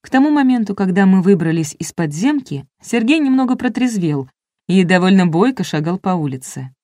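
A woman's voice: medium pitch, big pitch swings, a little fast, a little mellow, no echo, clean studio sound. A woman narrating a first-person audiobook in a wry, ironic storytelling manner.

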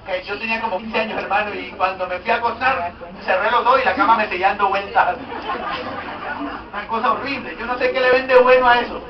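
A man's voice: high voice, fast talker, highs cut off, a crowd in the background. A man preaching a humorous sermon, joking and asking the congregation questions. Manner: jokey, animated, asks the congregation questions. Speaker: pastor. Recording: echoey hall, mic at a distance.

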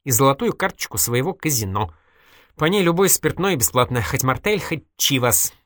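A man's voice: medium pitch, very animated, moderate pace, fairly bright tone, no echo, clean studio sound, voice pushed up. A reader voicing an evasive, wisecracking male journalist in an audiobook, ironic and mock-innocent. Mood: wry. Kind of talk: audiobook character voice.

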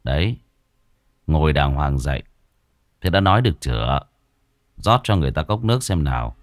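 A young shaman, unhurried and firm, coaxing and commanding in turn, as a male storyteller plays him. The voice is deep with a lively, rising and falling lilt. The recording is close and dry. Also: no room sound. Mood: calm firm.

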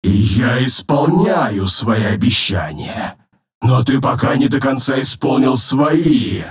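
A man voicing an arrogant, cruel male demon lord in an audiobook, his rough, rumbling voice thickened with a layered demonic effect. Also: lively intonation, full character voice. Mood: mocking menace. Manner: slow, menacing, commanding. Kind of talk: audiobook narration with voiced characters.

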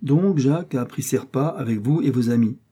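A man's voice: medium pitch, a little fast, warm tone, slightly rough, pitched above the performer's own voice, close to an everyday voice. A man voicing an older, trusting male marquis who speaks in a kindly, earnest, fatherly way.

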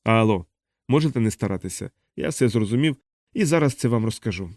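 A calm, curious expedition doctor explains what he has worked out in a steady, mellow voice, read by a man narrating an audiobook. The sound is dry and close. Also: lowish voice, brisk, no echo.

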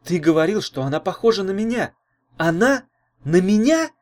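A man reading an audiobook, voicing a sharp-tongued teenage girl witch with an indignant, cutting way of talking. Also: a little high, lively intonation, normal speed, close to an everyday voice.

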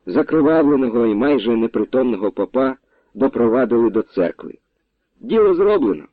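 A man narrating an audiobook with an expressive, storytelling delivery. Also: mid-range voice, fairly quick, dry recording. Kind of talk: dramatic audiobook reading. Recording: dry, tinny phone-like sound.

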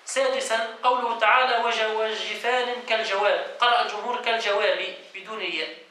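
A man's voice: sits high, steady tone, a little fast, pushed and bright, distant mic. A man, a sheikh, teaching a class on Quran commentary, reading passages aloud, explaining them and questioning his students. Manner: reads a passage, then explains it and quizzes students. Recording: echoey room, voice from off-mic, faint noise.

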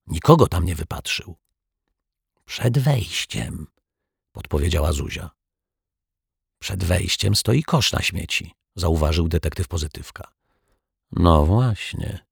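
Deep husky guy reading a kids story, dry close mic. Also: a little mellow, no room sound. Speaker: audiobook narrator. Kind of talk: scripted storybook narration.

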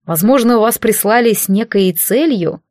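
A woman reading the lines of a stern young male prince, quiet, slow and threatening in an audiobook. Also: on the high side, expressive, no echo, studio quality, natural voice. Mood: probing.

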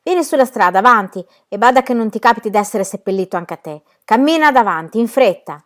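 A rough, bullying armed guard, voiced by a woman reading aloud who barks orders and calls out loudly. The voice jumps up in pitch and volume on each command. It sounds like a storybook reading. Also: expressive, fairly quick, close to an everyday voice. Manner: shouted, commanding.

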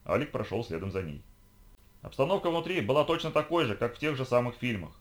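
A man reading an audiobook chapter in a brisk, even storytelling manner. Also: mid-range voice. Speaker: audiobook reader. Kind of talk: audiobook narration.

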